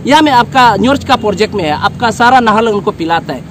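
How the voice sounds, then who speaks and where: A man's voice: high-pitched, expressive, fast talker, a bit bright, slight background noise. A village council leader speaking emphatically at an outdoor press briefing, pressing his appeal with rising force.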